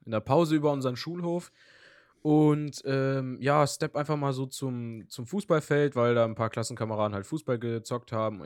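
A young man co-hosting a podcast, telling anecdotes in a lively, slangy way. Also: mid-range voice, no room sound, clean studio sound. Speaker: podcast co-host. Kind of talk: casual chat.

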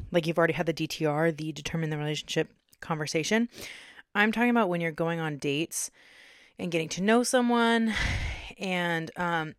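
A young woman hosting her own podcast in casual chat, dramatic and quick to take back what she just said, swinging between soft and loud. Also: fairly low pitch, dry recording, clean studio sound. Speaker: podcast host. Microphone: home podcast mic.

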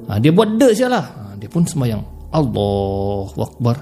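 Animated male ghost-story teller. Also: on the high side, moderate pace, slightly rough, soft background music. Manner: animated, conversational, swings between loud and hushed. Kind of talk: casual ghost-story narration.

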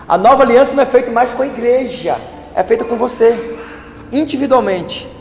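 High-voiced male pastor preaching in a hall. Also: fairly quick, a little hiss or hum. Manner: preaching with repetition and acted-out quotes. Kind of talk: sermon.

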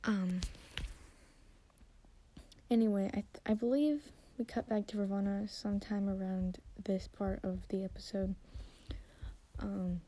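A young woman talks through a TV episode in a hushed ASMR style, sometimes dropping into a whisper. Her pitch sits in the middle. She rambles casually, with plenty of fillers along the way. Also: steady tone, measured pace, pauses often. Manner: chatty, often whispering, many fillers. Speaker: TV episode recapper.

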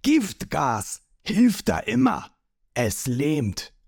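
A man voicing a boastful, hot-tempered male pirate boss who shouts and mocks, in a read-aloud manga story. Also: fairly high pitch, huge pitch swings, drawn-out words, creaky, no room sound, clean studio sound, exaggerated voice. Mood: blustering. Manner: blustering, shouting, mocking.

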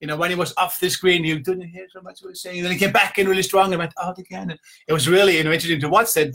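A business coach in middle age, Icelandic accent audible, talks informally and motivationally to a live online audience from inside his home. The voice is forceful and bright, pitched somewhat higher than most men's. He spins conversational, meandering stories and keeps repeating "you know".

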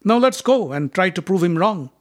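A man's voice: high voice, animated, moderate pace, a little hiss or hum, pitched above the performer's own voice. A man voicing a young prince who schemes against his cousin while putting on false friendliness. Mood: falsely friendly. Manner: sly and coaxing.

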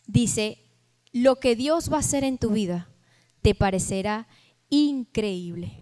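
A woman preacher delivering a sermon with expressive storytelling, stretching some words slowly and rushing through others. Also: sits high. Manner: expressive storytelling, pace swings from slow and drawn out to rushed.

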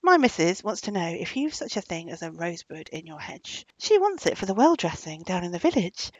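Woman doing a blunt, loud country farmer. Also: on the low side, big pitch swings, brisk, husky, no echo, dull audio.

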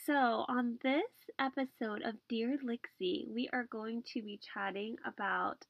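An American woman in her twenties hosting a casual podcast in a bubbly, slangy, teasing way, with a creaky voice, sounding muffled in a closet. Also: a little high, steady tone, measured pace, no room sound. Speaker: podcast host. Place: small closet, seated on floor pillows. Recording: muffled, dull closet recording.

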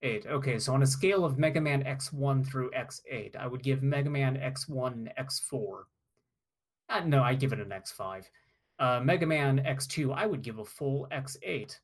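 A man co-hosting a podcast, chatting casually with dry, self-mocking jokes. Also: mid-range voice. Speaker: podcast co-host. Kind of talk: casual chat.

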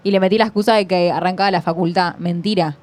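A young Rioplatense Spanish woman co-hosts a radio chat. She talks fast, with lots of slang and lively storytelling. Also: fairly low pitch. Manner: expressive, slangy. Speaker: radio co-host. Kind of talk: casual chat.

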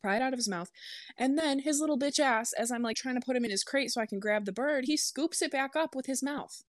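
A woman's voice: high-pitched, a little fast, dry recording, studio quality. A woman in her twenties telling a story in a casual, chatty way, full of "like" and "um" and freely swearing. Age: 20s. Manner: chatty, filler-heavy, lots of "like" and "um".

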